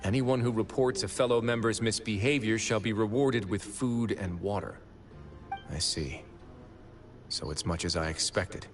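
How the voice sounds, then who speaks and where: Wriothesley, a man as a low-voiced composed warden. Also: soft background music, natural voice. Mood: grave. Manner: measured, deliberate, philosophical. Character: composed, stern adult male prison warden, protective. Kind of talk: anime game voice acting.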